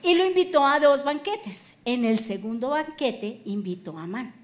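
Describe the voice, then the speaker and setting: Lively, high-voiced woman preacher. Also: moderate pace. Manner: lively storytelling, colloquial humor. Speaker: pastor. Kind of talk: sermon.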